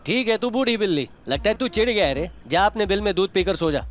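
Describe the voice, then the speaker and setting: A man's voice: high voice, lively intonation, quick pace, a little hiss or hum. A man playing a cocky, street-smart fixer in a dubbed action-comedy film, delivering brash, taunting Bollywood hero dialogue. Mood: taunting, defiant.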